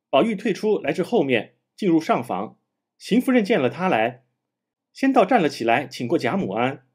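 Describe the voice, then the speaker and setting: A man reading a classic novel aloud in a measured storytelling manner. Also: fairly high pitch, slightly rough.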